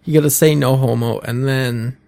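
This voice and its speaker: Man, podcast host, casual chat, teasing, raspy fry, dead dry room. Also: medium pitch, fairly even intonation, normal speed, mellow, dry recording. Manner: teasing, steers the topic.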